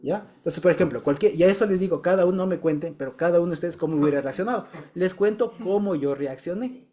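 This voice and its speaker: Man, fairly high mellow voice, casual group testimony, keeps checking listeners follow. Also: fast, soft background music. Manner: chatty, repeats words and checks in with listeners. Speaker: Bible study group member.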